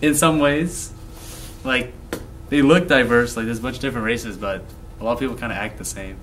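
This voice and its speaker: A man's voice: mid-range voice, fairly quick, a bit bright, recorded from a distance. A young man answering casually in an interview.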